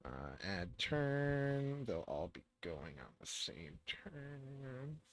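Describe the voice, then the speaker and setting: A man running an online tabletop role-playing game as game master, halting and distracted as he manages things. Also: mid-range voice, big pitch swings.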